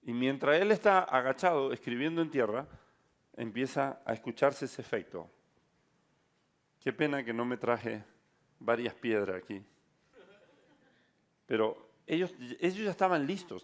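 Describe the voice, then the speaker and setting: A male pastor preaching a sermon, telling a story dramatically and shifting between soft and loud passages. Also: mid-range voice, lively intonation, moderate pace, pauses often.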